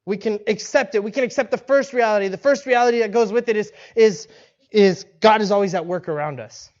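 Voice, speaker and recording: A male pastor preaching in a casual, conversational way, animated and acting out bits of dialogue, often restarting his sentences. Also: high voice. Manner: animated, acts out quoted dialogue, frequent restarts and laughs. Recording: dull lo-fi recording.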